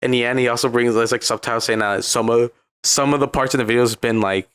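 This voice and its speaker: A man's voice: mid-range voice, fairly even intonation, quick pace, fairly bright tone, clean tone. A young man with a Californian accent, co-hosting a casual podcast and retelling a video in a rambling way full of "like". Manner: rambling, filler-heavy retelling with lots of "like". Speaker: podcast co-host. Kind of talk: casual chat.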